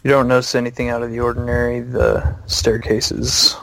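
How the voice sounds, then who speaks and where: A man narrating a tabletop game as game master, describing scenes with many pauses and fillers. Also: mid-range voice, completely flat delivery, fairly bright tone, dry recording, low-quality recording.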